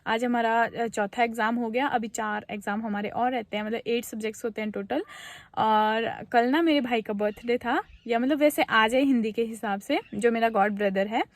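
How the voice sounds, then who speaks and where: A young woman with a slightly high voice chats casually at home for her vlog. She talks straight to viewers and keeps coaxing her toddler, her phone close by. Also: normal speed. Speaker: vlogger and mother. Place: at home and in a car.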